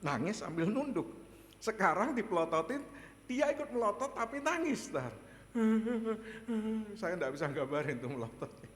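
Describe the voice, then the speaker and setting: Male pastor, higher voice, lively storytelling sermon with frequent chuckles, church hall reverb. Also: fairly quick. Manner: animated, chuckles often, addresses the congregation directly. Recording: echoey hall, faint background noise.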